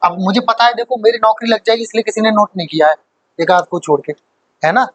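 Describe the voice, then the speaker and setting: A man's voice: high-pitched, quick pace, a bit bright, no room sound. A man teaching English grammar in a live online class, in a chatty, joking way with many rhetorical questions and checks that students follow.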